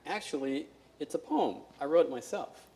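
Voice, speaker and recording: A man's voice: a little high, expressive, moderate pace, mellow, breathy edge. A man reciting scripted verse in an amateur play, hesitant and often repeating phrases. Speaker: reader playing Moses in a congregational skit.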